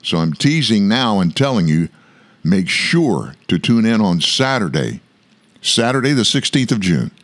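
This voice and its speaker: Hosting an online political news commentary show, a man with a lowish voice speaks emphatically and very animatedly. He draws out his stresses and throws asides to his listeners.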